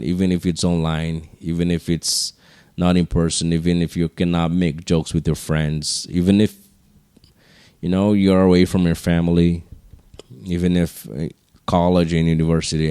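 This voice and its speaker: A man hosting a podcast solo, speaking slowly in a low, hushed register with casual, rambling, earnest encouragement. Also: clear, resonant tone, no room sound, clean studio sound. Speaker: podcast host.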